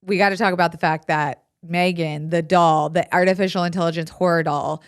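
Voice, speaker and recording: A woman's voice: lowish voice, steady tone, fairly quick, clear, resonant tone. A woman co-hosting a podcast in casual comedic chat, sassy, blunt and irreverent. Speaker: podcast co-host.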